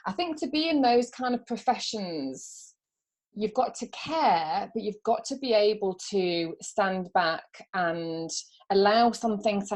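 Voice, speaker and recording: A woman in her forties who grew up in South Africa, a business coach chatting as a podcast guest, open and emotional and quick to laugh. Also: mid-range voice, a little mellow. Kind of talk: casual interview chat.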